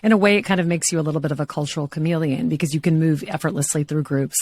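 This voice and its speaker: A middle-aged woman from Louisiana hosting an interview show, upbeat and quick to laugh. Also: sits low, fairly even intonation, a little mellow, no echo. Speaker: podcast host.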